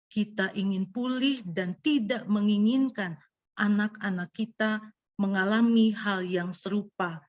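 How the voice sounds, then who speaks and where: A woman who cannot roll her r, so it sounds soft and unclear, presenting interactively as a guest speaker to an online audience. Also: medium pitch. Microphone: video call. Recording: dull lo-fi online call audio.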